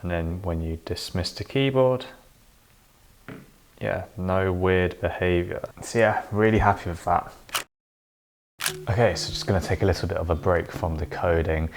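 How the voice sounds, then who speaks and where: A man in his late twenties from London, chatting casually in a relaxed, rambling way with lots of fillers. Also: sits low, moderate pace, pauses often. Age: late 20s. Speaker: vlogger. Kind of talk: casual chat.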